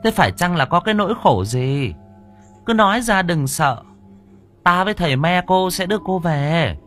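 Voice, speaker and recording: A man voicing a stern female spirit medium in a village, speaking in a solemn, measured way. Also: high voice, lively intonation, a bit bright, faint music behind, pitched above the performer's own voice.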